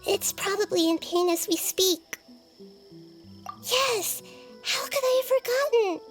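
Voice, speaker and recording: A woman's voice: very high voice, lively intonation, a little slow. A woman voicing a wise, childlike little goddess in a video game, earnest, thoughtful and articulate. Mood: worried. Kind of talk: video game character acting. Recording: music behind the voice.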